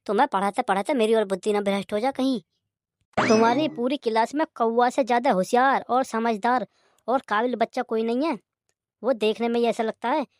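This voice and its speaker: A woman's voice: on the high side, fairly quick, dry recording, natural voice. A woman voicing an exasperated male schoolteacher in a cartoon comedy, scolding the class.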